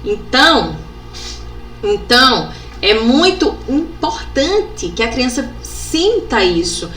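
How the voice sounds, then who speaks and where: A woman leads an instructional workshop, stretching out letters and syllables as she demonstrates them and tagging her phrases with quick checks on the listener. Her voice is bright and forceful. It is recorded in a roomy, echoing space with a faint hiss behind it. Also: on the high side, big pitch swings. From Brazil. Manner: demonstrative, sounds out letters and syllables slowly, frequent tag questions. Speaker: educational psychologist teaching a workshop. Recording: echoey room with faint background noise.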